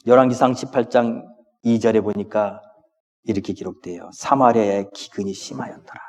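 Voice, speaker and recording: A man preaching a sermon as senior pastor, with expressive delivery that rises to impassioned pleading when he voices prayers. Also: on the low side, normal speed. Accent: Korean. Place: church sanctuary. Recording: long church-hall reverb.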